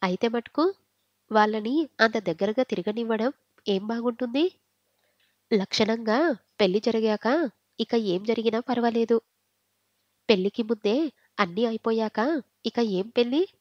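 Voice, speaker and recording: A woman's voice: a little high, measured pace, long pauses, a little mellow, no echo, muffled recording. A woman voicing a scolding old grandmother. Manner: lecturing, scornful. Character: scolding old grandmother, proud and tradition-bound.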